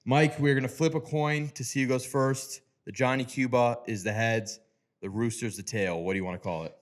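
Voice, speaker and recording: A man's voice: mid-range voice, steady tone, moderate pace. A young man hosting a casual movie chat, talking loosely with lots of fillers and frequent laughs. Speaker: podcast host.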